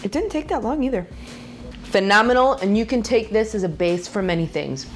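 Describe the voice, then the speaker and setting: This Spanish-first-language cooking vlogger, a woman in her thirties with Puerto Rican and Mexican roots, gives a casual demo to camera from her home kitchen. She talks to viewers in a chatty, playful way and laughs a lot. Her mid-range voice is expressive and fairly quick, with slight background noise.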